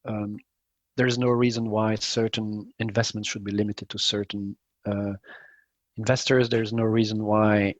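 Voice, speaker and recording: Picture a middle-aged man with a lowish voice, giving interview answers slowly and carefully, stopping often to pick his words. The sound is dry and close, with no room ring around it. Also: flat delivery, dry recording, poor audio. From Belgium. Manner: measured, pausing often to find words. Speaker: guest, company CEO.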